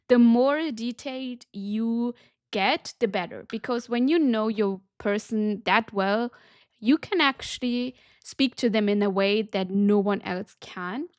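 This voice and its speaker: A woman's voice: mid-range voice, no echo, studio quality. A woman business coach teaching a lesson, emphatic and direct, often checking in with her listeners. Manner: emphatic, keeps checking in with "okay?".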